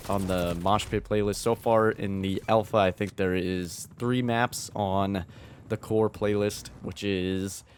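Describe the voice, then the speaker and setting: A man with a fairly low voice talks through his gameplay in a relaxed, chatty way. His voice still sounds groggy from the early morning. A faint hiss sits under the recording. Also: unhurried. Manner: easygoing, chatty. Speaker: gaming video creator. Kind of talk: gameplay commentary voice-over.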